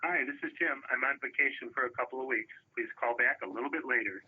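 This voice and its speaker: A man's voice: medium pitch, fast talker, slightly rough. A man's recorded greeting and message, played back through a landline phone. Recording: muffled phone playback from far off.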